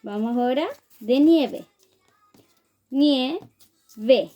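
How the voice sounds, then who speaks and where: A woman's voice: on the high side, animated, slow pace, highs cut off, faint music behind. A woman teaching a phonics lesson to small children, sounding out words syllable by syllable and praising them often. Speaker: preschool teacher.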